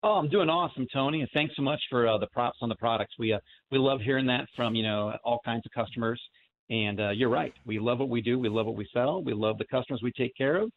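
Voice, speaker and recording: A man's voice: medium pitch, fast talker, slight background noise. Man calling in over a tinny phone line. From St. Louis area. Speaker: sponsor calling in. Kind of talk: casual radio chat.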